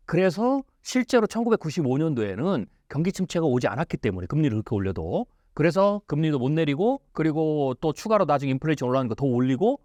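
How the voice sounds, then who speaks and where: A man's voice: fairly high pitch, darkish tone, no echo, studio quality. A man as an interview guest, explaining in an emphatic way with rhetorical questions. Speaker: futurist guest.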